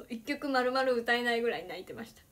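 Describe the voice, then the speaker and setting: A teenage girl, an idol livestreamer, chatting casually and giggling often between sentences. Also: a little high. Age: teens.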